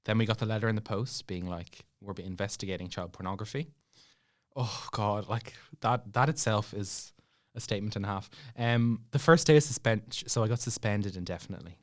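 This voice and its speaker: A young adult with an Irish accent, his voice fairly low and fairly quick, relates a personal experience as a podcast guest in casual conversation. He performs bits of the dialogue with animation and laughs through his asides.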